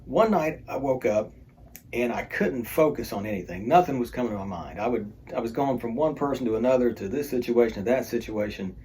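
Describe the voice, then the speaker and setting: A man's voice: mid-range voice, animated, fairly quick, mellow, slight background noise. A man teaching an adult Bible study in a casual, conversational way, with joking asides.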